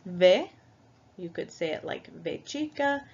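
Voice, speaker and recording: Slow, patient woman teaching a lesson. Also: fairly low pitch, very animated, vocal fry, darkish tone, breathy edge. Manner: patient, methodical, spells out each example. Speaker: Spanish teacher. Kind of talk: slow, careful language lesson. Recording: dull lo-fi recording.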